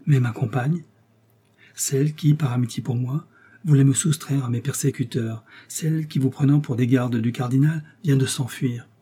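A man's voice: medium pitch, steady tone, moderate pace, dark tone, breathy edge. A man reading an audiobook voices a frightened young woman, loving and faint, who pleads breathlessly. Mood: anguished.

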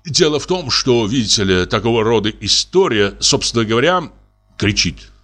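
A man playing a blunt, hot-tempered middle-aged landowner, blustering and halting, as in an audiobook drama reading. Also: medium pitch, expressive, fairly bright tone. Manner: blustering, halting, self-mocking.

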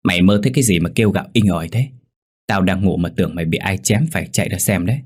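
A cocky young thief in a spoken ghost story, put on by a male narrator. He talks fast and scoffing, with a husky, low-set voice. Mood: mocking. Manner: teasing, brash.

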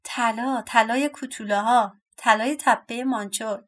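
A woman's voice: a little high, expressive, lightly acted. A woman voicing a pair of greedy, ugly little male dwarfs in a storybook reading, clamoring and repeating their demands. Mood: gleeful shouting.

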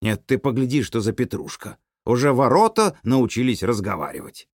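A man voicing a gruff grumbling older man. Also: sing-song, normal speed, darkish tone, no echo, studio quality. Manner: low, curt muttering.

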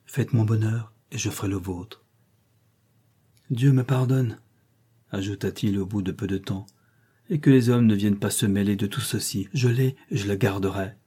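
A man reading the part of a brooding, passionate middle-aged gentleman in an audiobook, urgent and pleading. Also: on the low side, normal speed, breathy edge. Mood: tender.

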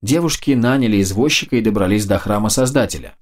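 A man narrating a fantasy audiobook in a steady, measured storytelling manner. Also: fairly low pitch.

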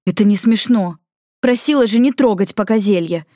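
A woman's voice: mid-range voice, moderate pace, warm tone, dry recording, clean studio sound, voice pushed up, natural voice. A woman voicing Tora, a fretful young healer who scolds her friends. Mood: scolding.

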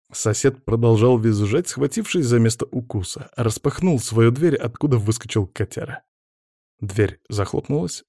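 A man narrating an audiobook in the first person, calm and measured. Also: fairly low pitch, no room sound, studio quality.

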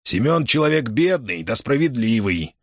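A man's voice: medium pitch, very animated, moderate pace, no echo, studio quality. A man reading a novel aloud, voicing an older cossack father who talks in an easygoing, fatherly way. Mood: calm.

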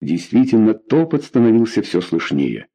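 A male narrator reads a novel aloud in a measured, even way. His voice is low and dark, with a husky, slightly breathy grain. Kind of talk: audiobook narration.

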